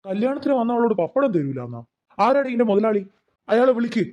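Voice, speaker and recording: Bossy angry wedding guest voiced by a man, cartoon, high strained voice, scolding, demanding. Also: sing-song, fast, darkish tone, muffled recording. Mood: irate. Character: irate male wedding guest, bossy and shouting.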